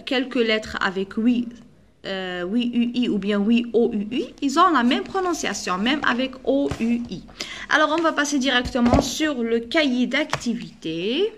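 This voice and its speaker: Woman teacher, fairly high voice, patient, spells out letters for young pupils. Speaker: primary school teacher. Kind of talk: recorded classroom lesson.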